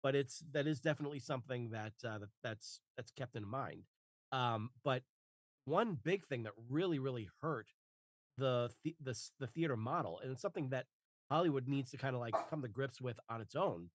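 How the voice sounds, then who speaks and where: A man in his forties in a casual podcast conversation, talking in halting phrases and restarting them with many fillers. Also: mid-range voice, lively intonation, dry recording. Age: 40s. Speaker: guest author and narrator.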